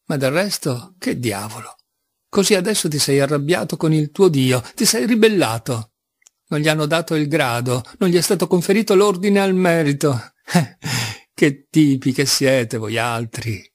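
A man's voice: a little high, lively intonation, moderate pace, dry recording. A pushy, ironic young man needles his friend with mock astonishment, as a male audiobook reader puts him on. The voice sits a little above the reader's own and is recorded close and dry. Storybook reading, lightly acted. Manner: teasing, sarcastic, by turns astonished. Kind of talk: audiobook reading of a classic novel.

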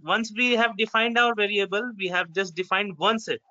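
Bright-voiced North Indian man teaching. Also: high-pitched, moderate pace. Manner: often checks understanding with okay and right. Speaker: programming teacher. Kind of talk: informal step-by-step screen-share tutorial. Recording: dull, lo-fi online call audio.

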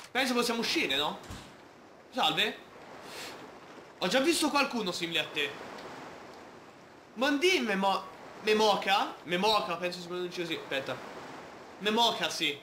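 A man's voice: sits high, animated, moderate pace, long pauses, pushed and bright, roomy sound, slight background noise. A man playing a video game, chatting playfully and reading the game's text aloud. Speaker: gamer. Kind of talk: Let's Play commentary.

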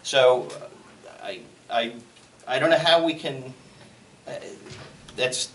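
A man on a school board addressing a public meeting, careful and halting, repeating words as he goes. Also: medium pitch, a bit bright. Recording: distant mic, faint noise.

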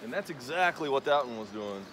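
An animated young man with a mid-range, slightly bright voice explains his technique while casting from a riverbank for his fishing vlog. The distant tripod camera picks up a little hiss or hum along with the rushing current.

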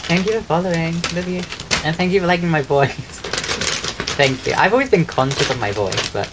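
A man with a soft voice that people often take for a woman's, chatting casually on a live stream at home and thanking his viewers. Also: fairly high pitch, fairly quick. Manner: chatty and rambling, thanks viewers while eating. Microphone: desk microphone. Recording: clear background noise on the stream mic.

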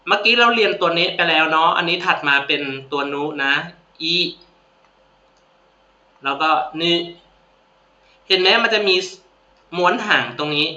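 A man with a Thai accent teaching a Japanese lesson to students, friendly and repeating each word slowly for them to copy. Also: high voice, pushed and bright. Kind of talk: casual classroom-style video lesson. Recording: echoey room, dull lo-fi sound.

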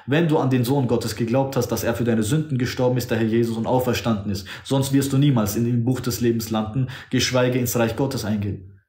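A man's voice: medium pitch, steady tone, a little fast, dark tone. A man preaching fervently and insistently, citing scripture verses by chapter and number. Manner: raises his voice to act out quoted speech. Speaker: street-style preacher. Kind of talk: preaching on a social media livestream. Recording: roomy echo.

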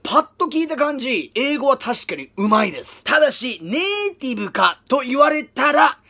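A man whose first language is English gives playful, energetic commentary as he analyzes English. His bright voice swings widely in pitch. He often slows down to read example lines. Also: vocal fry. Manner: energetic, playful, breaks into demonstration readings.

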